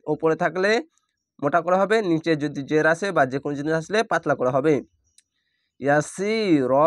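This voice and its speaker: A man teaching Quran reading, spelling each letter and vowel mark and then drawing out the joined syllables in a slow lesson. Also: fairly high pitch, fairly bright tone, no room sound, clean studio sound.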